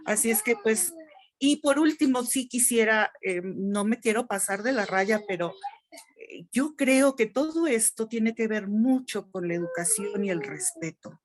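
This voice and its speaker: A middle-aged woman teacher speaking loudly and emphatically in a teacher training discussion. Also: a little high, lively intonation, a little slow. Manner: loud, emphatic speaker who calls her own voice strong.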